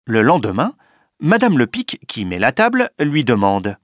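A man reading a children's story aloud in an expressive, unhurried way. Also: mid-range voice, dry recording, studio quality. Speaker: narrator.

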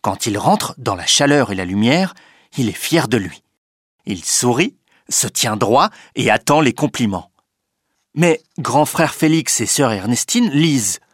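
A man reading a children's story aloud in an expressive, unhurried way. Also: mid-range voice, husky, no room sound, studio quality. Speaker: narrator.

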